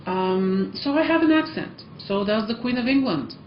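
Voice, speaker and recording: Talking to her learners in a relaxed vlog, this Eastern European teacher speaks at a moderate pace with an expressive, fairly high voice, sprinkling in plenty of ums and uhs as she encourages them. Her accent is Eastern European, and the echoey, muffled recording carries a little hiss or hum.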